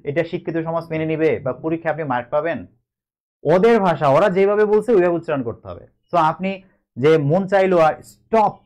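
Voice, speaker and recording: A man's voice: a little high, a little mellow. A man with a Bangladeshi Bengali accent teaching an online grammar class, chatty and reassuring. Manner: chatty, reassuring, switches between explaining and coaxing.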